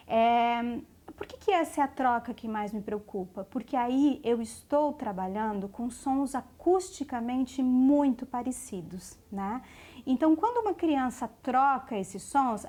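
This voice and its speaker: A Brazilian woman with a slightly high voice talks to families as a speech therapist. She explains patiently, often checks in with a quick question, and slows down when she gives a warning. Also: a little mellow. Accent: Brazilian Portuguese. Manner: explanatory, frequent tag questions "né?" and "ok?". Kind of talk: educational talk to parents.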